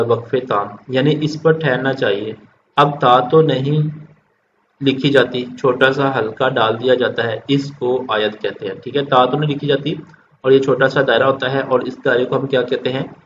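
A man teaching children a Quran lesson, patiently explaining step by step and repeating his points. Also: medium pitch. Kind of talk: recorded religious lesson for children. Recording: dull lo-fi recording with faint noise.

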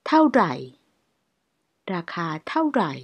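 A Thai woman with a Thai accent who teaches English, saying each short phrase slowly twice and then explaining it quickly. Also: a little high, sing-song, husky. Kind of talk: language lesson, repeating phrases slowly.

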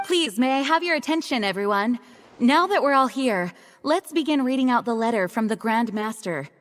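A woman's voice: on the high side, lively intonation, moderate pace, natural voice. A woman voicing a dignified young female knight commander in a video game, formal and poised. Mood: formal, commanding. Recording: long hall reverb.

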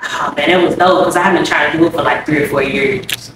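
A woman's voice: deep voice, steady tone, brisk. A woman rapper from Louisville talking casually in an interview, laid-back and saying "you know" a lot. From Louisville, Kentucky. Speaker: rapper guest. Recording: echoey room from a distance with background noise.

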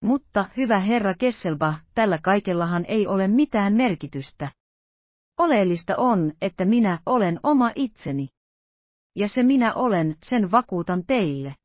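A woman voicing a suave, mysterious male intruder who speaks with smooth, ironic courtesy in an audiobook. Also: medium pitch, expressive, no echo, muffled recording, lightly acted. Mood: mocking.

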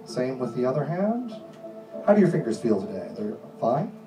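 A middle-aged man hosting a comedy hypnosis show, giving commanding, repetitive suggestions in deliberate phrases. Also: medium pitch, very animated, far from the mic. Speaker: stage hypnotist and host. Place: small indoor comedy club stage. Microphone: handheld microphone through PA, distant camera. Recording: echoey club PA recorded from audience, music.

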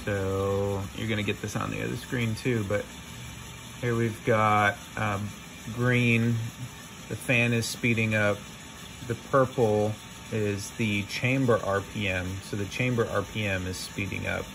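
Low-voiced man demonstrating coffee roasting aloud. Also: steady tone, a little slow, creaky, noisy background. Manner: thinking aloud, talks through numbers while working. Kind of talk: casual live demonstration.

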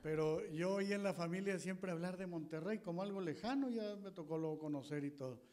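Speaking high-pitched and a little fast with a darkish tone, this middle-aged man from northern Coahuila, Mexico, is a guest historian on an auditorium stage with a handheld mic. His public history talk is folksy and rambling, full of fillers and restarts.

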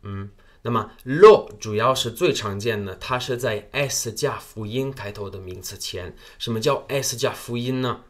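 A man's voice: mid-range voice, unhurried. A man teaching a live online language lesson, patiently explaining and repeating example words.

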